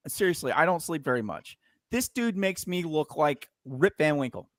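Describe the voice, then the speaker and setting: A man co-hosting a casual podcast, telling stories in an animated, profane way and laughing often. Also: a little high, moderate pace, dry recording, clean studio sound. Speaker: podcast co-host. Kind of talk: casual banter.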